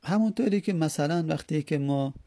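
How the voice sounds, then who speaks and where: A man's voice: a little high, dark tone, no echo, studio quality. A man teaching a grammar lesson, patiently repeating and spelling out each step. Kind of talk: Arabic grammar lesson in Persian.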